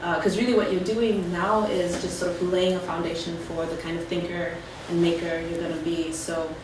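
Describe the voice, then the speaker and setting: Speaking a little fast at a fairly low, steady pitch, an alumna panelist offers chatty, filler-heavy career advice. The lecture room is echoey, the mic distant, and background noise is audible.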